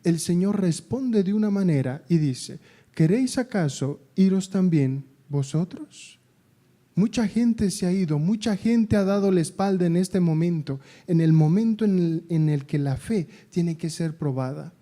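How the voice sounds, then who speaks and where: A man delivers a sermon in a high voice with a dark, mellow tone. He presses his points by repeating phrases and slows right down to read scripture aloud. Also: lively intonation. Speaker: preacher. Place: house of prayer.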